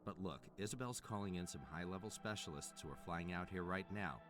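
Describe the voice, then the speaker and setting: A very low male voice over clear background music. A man acts out a calm, firm survivor in a video game, talking people round in a businesslike, reassuring way. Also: fairly quick, close to an everyday voice.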